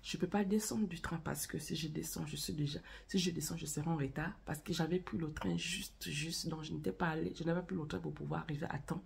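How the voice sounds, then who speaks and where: Speaking fast with hardly any pauses, a woman with a deep, gravelly, breathy voice keeps a steady tone as she tells viewers a story. She hosts a casual faith-and-marriage vlog and has a cold and a cough.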